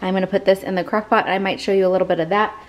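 A woman's voice: mid-range voice, fairly even intonation, racing. A woman in her forties chatting casually as she cooks in her home kitchen, filming on a handheld phone and walking through each step. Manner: chatty, talks while cooking, many restarts. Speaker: home cook vlogger. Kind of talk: casual cooking vlog narration.

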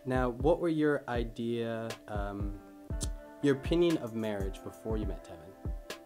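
Very low-voiced woman interviewer. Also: measured pace. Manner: steady questioning with ums. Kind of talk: interview questions. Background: background music.

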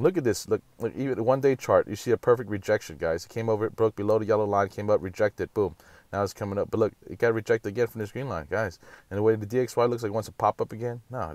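A man giving a casual, profane rant on market charts and mocking others. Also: dry recording. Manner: profane, rapid, ranting, mocks others in high voices. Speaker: crypto market commentator.

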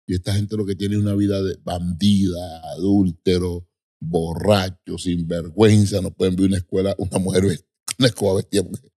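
A man's voice: little pitch movement, mellow. A man, an apostle, telling his personal faith testimony in an emphatic way, repeating words for stress. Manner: emphatic, acts out quoted people with sudden high, drawn-out voices.

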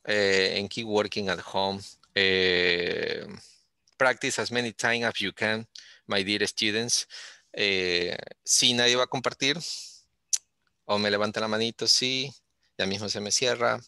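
Bright-voiced encouraging male teacher. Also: lowish voice, clean tone, dry recording. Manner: coaxing and encouraging, switching between English and Spanish. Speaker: English teacher. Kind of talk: online class on a video call. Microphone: video call.

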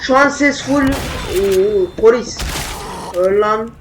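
Male gamer, high voice, slow drawn-out delivery, yelping exclamations, slangy swearing, gameplay commentary. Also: background noise. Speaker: gaming channel host.

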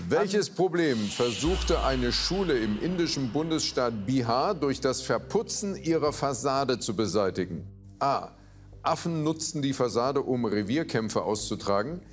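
A middle-aged man hosting a quiz show in a large TV studio, reading out questions and answer options in a clear, measured way with dry asides. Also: medium pitch, animated, soft background music.

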